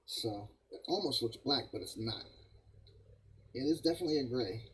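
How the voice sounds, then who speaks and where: A man's voice: medium pitch, lively intonation, normal speed, slight background noise, rough recording. Older man chatting casually on a live stream. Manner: rambling, self-deprecating, chuckles often, talks to viewers as guys. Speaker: host of a live model-building show. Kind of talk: casual live-stream chat while painting a model.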